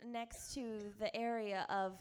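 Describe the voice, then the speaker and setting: A woman's voice: on the high side, steady tone, slow pace, clean tone. A woman co-hosting a live comedy podcast, giggly and upbeat as she opens the show. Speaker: podcast co-host. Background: live audience.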